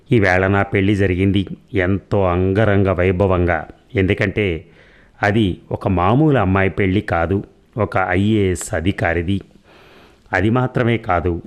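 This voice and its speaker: Low-voiced man narrating an audiobook.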